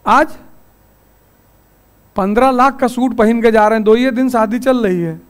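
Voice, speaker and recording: A male teacher, lecturing a class in a lively storytelling manner and turning stern about the class rules. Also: very high voice, measured pace, smooth.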